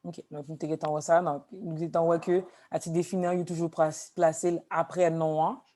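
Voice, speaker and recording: A woman teaching a language class, explaining slowly with repeated examples. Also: sits low, little pitch movement, dark tone. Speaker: Haitian Creole teacher.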